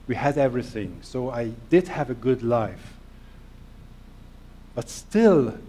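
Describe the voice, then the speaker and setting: A middle-aged Hungarian man with a Hungarian accent gives an earnest, self-deprecating conference presentation in halting non-native phrasing. His voice is medium-pitched and mellow.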